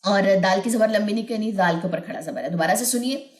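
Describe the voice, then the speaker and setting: A woman teaching Quran recitation in a recorded online lesson, patiently explaining sounds and chanting verses slowly and melodically. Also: medium pitch, darkish tone, reverberant.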